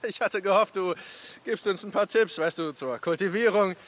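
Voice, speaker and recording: A man's voice: high-pitched, moderate pace, fairly bright tone. A man voicing a joking, evasive young male biker in a game dub, who deflects serious talk with jokes.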